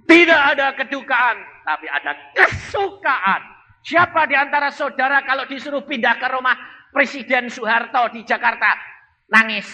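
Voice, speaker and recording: An older man preaching a sermon, telling stories and acting out the voices of the people in them. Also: very high-pitched. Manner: animated storytelling preacher, acting out quoted voices. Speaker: pastor. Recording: dull lo-fi sound in a reverberant hall.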